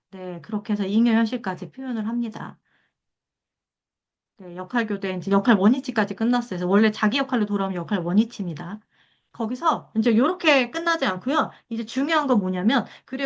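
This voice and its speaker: Middle-aged woman lecturer, mid-range voice, explains methodically with acted snippets; muffled lo-fi lecture audio. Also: medium pitch. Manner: explains step by step, acting out short quoted exchanges. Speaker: lecturer on drama therapy counseling. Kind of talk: public lecture. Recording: dull lo-fi lecture recording.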